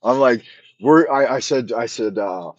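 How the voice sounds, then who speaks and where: Animated and unhurried, a middle-aged man with a medium-pitched voice chats bluntly on a casual live stream, cursing freely and rambling with frequent restarts and repeated words. The sound is lo-fi.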